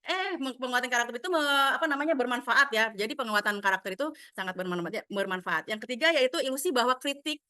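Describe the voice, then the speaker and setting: A woman teacher walks her colleagues through a training module, speaking straight to them and slipping into the scolding voices of parents and children. Her voice is crisp and bright, and it sits a little high. The sound is close and dry, with no room around it. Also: lively intonation, quick pace, hardly any pauses, dry recording. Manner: acts out quoted scolding lines from parents and children; explanatory, addresses listeners directly.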